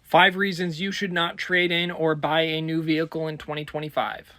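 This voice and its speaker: A man's voice: on the high side, flat delivery, normal speed, sharp tone, dry recording. A man narrating a scripted list about car buying with emphatic, blunt delivery. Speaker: car finance video presenter.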